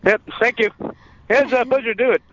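A man's voice: very high-pitched, fairly even intonation, fairly quick. An eighteen-year-old man from Maryland calling in to a radio show, shy and hesitant. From Maryland, United States. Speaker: caller. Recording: dull phone line, faint hiss.

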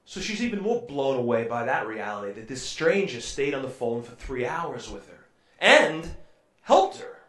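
A man's voice: mid-range voice, sing-song, moderate pace, fairly bright tone. A man preaching a sermon and retelling a story in a conversational way, with frequent ums and uhs. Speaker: pastor. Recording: echoey room, voice from far off.

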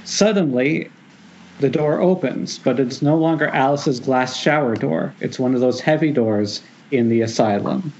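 Over a remote group Skype call, a man reads screenplay directions at an informal table read, now and then stumbling and starting over. His mid-range voice is a little mellow and measured in pace, while the internet-call audio is dull and noisy.

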